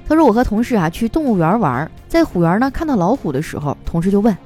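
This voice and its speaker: A woman's voice: medium pitch, very animated, fast, mellow, soft background music. A woman radio host reading out listener jokes in a playful, chatty way. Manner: playful, chatty, mimics voices for quoted people. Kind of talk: casual comic storytelling.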